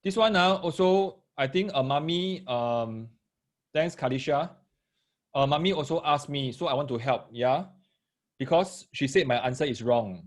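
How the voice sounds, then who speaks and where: A slightly high male voice at normal speed, with a Singaporean accent and Singlish particles. He's tutoring parents and children in maths during a live online lesson, walking through each step, repeating phrases and checking that listeners understand.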